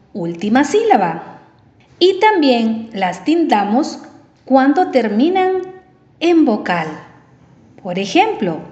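A woman's voice: fairly high pitch, darkish tone. A woman teacher giving a spelling lesson to children, stretching out sample words syllable by syllable and asking the listener questions. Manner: addresses listener directly with questions. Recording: roomy echo.

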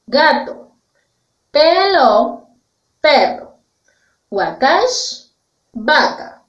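A woman teaching a children's language lesson, enunciating slowly and carefully and repeating words for pupils to echo. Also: high voice. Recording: echoey, dull lo-fi room sound.

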